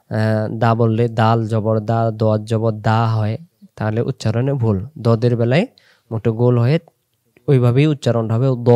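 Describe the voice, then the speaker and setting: A man with a Bangladeshi Bengali accent teaching Arabic letter pronunciation, drilling each sound slowly for listeners to repeat. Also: medium pitch, warm tone, no echo, clean studio sound. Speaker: Quran recitation teacher. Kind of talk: slow pronunciation lesson with drills.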